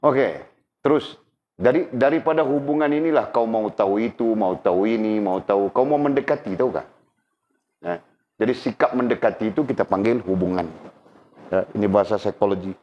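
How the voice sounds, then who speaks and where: A man's voice: on the low side, a little fast. A man giving a casual religious lesson, talking conversationally and often checking that his listeners follow. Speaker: religious teacher. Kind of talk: casual teaching talk. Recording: dull lo-fi recording.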